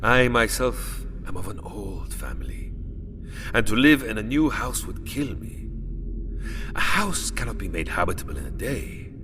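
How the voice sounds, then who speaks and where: An actor playing an ancient Transylvanian vampire count, courtly, brooding and sinister, with formal, grandiose speech in an audio drama. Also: male voice, on the low side, big pitch swings, background noise. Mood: brooding, mournful. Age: older. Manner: formal, grandiose, deliberate old-world phrasing.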